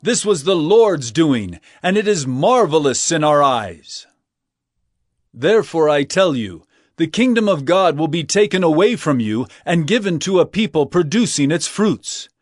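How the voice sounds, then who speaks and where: An actor playing Jesus as a stern, authoritative teacher telling parables in an emphatic, declamatory way for a dramatized scripture recording. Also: male voice, fairly high pitch, very animated, a little slow, no room sound, studio quality. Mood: stern warning.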